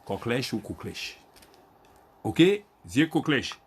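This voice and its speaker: Teaching Creole online with a Guadeloupean accent, this animated, medium-pitched man slowly repeats every word. He spells each one out letter by letter and addresses his students by name.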